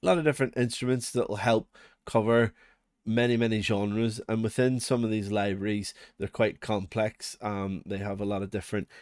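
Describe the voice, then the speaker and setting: A man with a Northern Irish accent, host of a music production channel, rambles through a casual, unscripted tutorial in a chatty, self-deprecating way. His fairly low, darkish voice keeps a steady tone at normal speed, and the clean studio sound has no echo.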